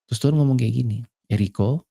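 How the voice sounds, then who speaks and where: A man's voice: medium pitch, animated, moderate pace, warm tone. A young man from Indonesia giving a chatty, conversational sermon to a youth community, mixing in slang and English words. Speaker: preacher. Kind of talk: casual sermon.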